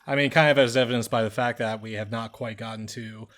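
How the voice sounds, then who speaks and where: A man's voice: mid-range voice, fairly even intonation, quick pace, a bit bright, a little hiss or hum. A man co-hosting a casual podcast, rambling with lots of "like" and filler words. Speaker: podcast co-host. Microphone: podcast microphone.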